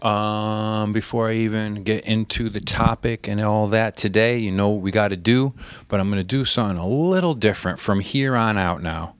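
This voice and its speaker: A man with a lowish voice hosts a podcast in loose, casual talk, rambling and cursing freely. The sound is close and dry. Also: moderate pace, smooth, no room sound. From Connecticut, USA. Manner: laid-back, profane, rambling. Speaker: podcast host.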